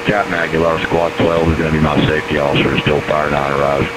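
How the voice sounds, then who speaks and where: Deep-voiced male fire commander on noisy radio. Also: level tone, quick pace. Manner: procedural, giving brief orders. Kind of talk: terse emergency radio traffic. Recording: noisy fireground radio recording with engine hum.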